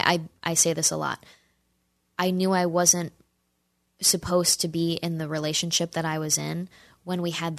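Low, gravelly young woman arguing earnestly. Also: no echo, studio quality. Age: 20s. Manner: earnest, persuasive, addresses viewers directly. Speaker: commentator answering audience questions. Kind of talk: opinion talk to camera.

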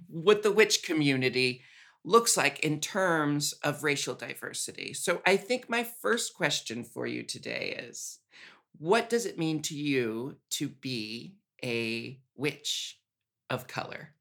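Low, slow, bright-toned woman host. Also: animated. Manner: laughs often, stammering restarts. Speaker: podcast host. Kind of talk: casual interview chat. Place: rented home near busy street.

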